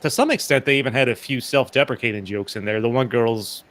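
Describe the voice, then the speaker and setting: A man's voice: mid-range voice, brisk, a bit bright. A man co-hosting a casual movie review podcast, rambling with many fillers and restarts. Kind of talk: casual chat.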